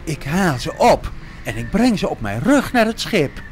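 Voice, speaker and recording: A man voicing a kind, brave female horse who talks in a wondering, lively way in a storybook. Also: fairly high pitch, unhurried, a little hiss or hum, pitched above the performer's own voice. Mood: eager.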